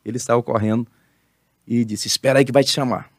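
A man's voice: medium pitch, brisk, husky, no echo, clean studio sound. Older man telling a spirited testimony. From Brazil. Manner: animated testimony, preacherly emphasis. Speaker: pastor and retired marine, guest. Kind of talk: casual interview storytelling.

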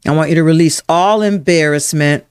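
A workshop leader running a live self-help session, speaking to viewers by name, repeating affirmations slowly and guiding breathing exercises. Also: mid-range voice, clean tone, no room sound, studio quality. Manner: slow, emphatic, repeats affirmations and guides breathing. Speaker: emotional wellness workshop leader.

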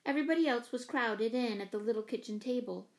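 A woman reads a children's novel aloud in a clear, even audiobook style. Her voice sits fairly high and her pacing is steady and measured. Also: poor audio. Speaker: narrator. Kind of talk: audiobook narration.

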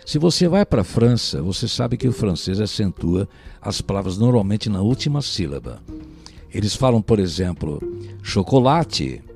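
Lively low-voiced Brazilian teacher. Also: male voice, normal speed, vocal fry, soft background music. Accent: Brazilian Portuguese. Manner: patient, explanatory, keeps asking "né?". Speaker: language teacher. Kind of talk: recorded language lesson.

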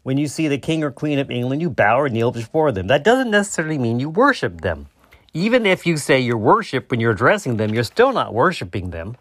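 A man hosting a solo debunking podcast, explaining his points haltingly and often rewording himself mid-sentence. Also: medium pitch, very animated, no echo. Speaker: podcast host.

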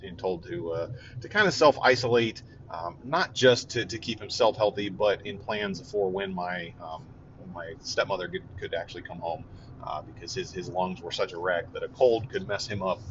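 A man giving a casual, earnest update, halting with many fillers and restarts. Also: low voice, fairly bright tone. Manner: earnest and relieved. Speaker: vlogger giving a family update. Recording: dull lo-fi audio with faint vehicle noise.

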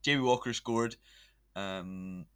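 A man's voice: lowish voice, slow pace, fairly bright tone, clear, resonant tone, dry recording. A young man hosting a casual football podcast, chatty and laughing often. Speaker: podcast host.

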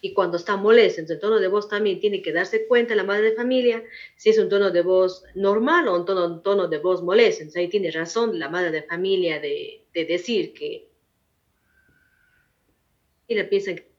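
A woman's voice: medium pitch, moderate pace. A woman in her forties, a veteran teacher, answering interview questions in a firm, repetitive, explaining manner. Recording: muffled lo-fi recording.

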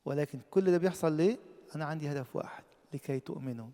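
Male preacher, Egyptian accent, fairly high gravelly voice, fervent sermon delivery, long hall reverb. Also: racing. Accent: Egyptian Arabic. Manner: impassioned, rising to loud emphatic peaks then dropping low.

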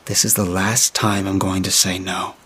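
A man's voice: low voice, flat delivery, moderate pace, a bit bright, a little hiss or hum. A man voicing an uncanny woman who speaks curtly and sternly. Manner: curt, stern.

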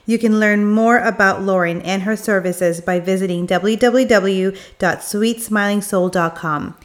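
A woman's voice: mid-range voice, unhurried, roomy sound. A woman hosting a podcast interview, introducing her guest in an effusive, enthusiastic way. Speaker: podcast host.

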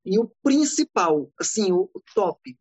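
A man from Brazil, a podcast guest, telling lively anecdotes in a casual way and acting out the dialogue. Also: high-pitched, measured pace, slightly rough, no echo, low-quality recording. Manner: animated, acts out dialogue in anecdotes. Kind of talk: casual storytelling. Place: living in California.

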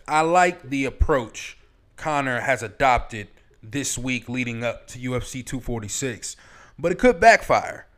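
A man's voice: mid-range voice, fairly bright tone, smooth. A man giving casual, opinionated fight commentary in a blunt, profane, rambling way. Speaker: MMA commentator.

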